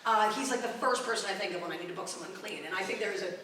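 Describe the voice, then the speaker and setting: A woman's voice: medium pitch, rapid-fire, crowd noise. A woman comedian on a panel, talking casually with emphatic, self-mocking asides. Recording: echoey room, distant mic.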